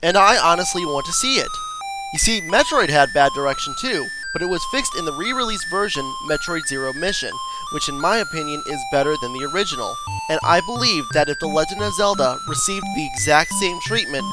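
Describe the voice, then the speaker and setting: Man reviewing games over loud music. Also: fairly high pitch, lively intonation, a little fast, low-quality recording. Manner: opinionated. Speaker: video game reviewer. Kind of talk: scripted review narration. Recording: loud music bed under voice.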